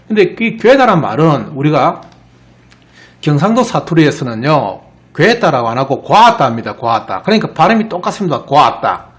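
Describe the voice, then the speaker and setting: A man from the Gyeongsang region with a Gyeongsang accent, lecturing on word origins and checking in with rhetorical questions. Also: a little high. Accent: Gyeongsang Korean. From Gyeongsang region of Korea. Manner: explains with frequent rhetorical questions. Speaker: etymology lecturer. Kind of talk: lecture over slides.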